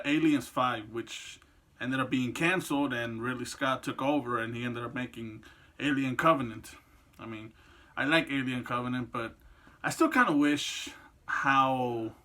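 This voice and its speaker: His voice is medium-pitched, pushed and bright. This man in his twenties hosts videos full of loose, opinionated takes on games and films, cursing freely along the way.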